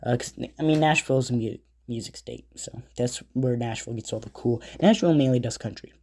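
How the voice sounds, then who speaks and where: Reading album facts in a casual podcast monologue, this host wanders through his notes with asides and self-corrections, nose stuffy from a cold. He has a warm, mid-range voice, captured in a dry recording with clean studio sound.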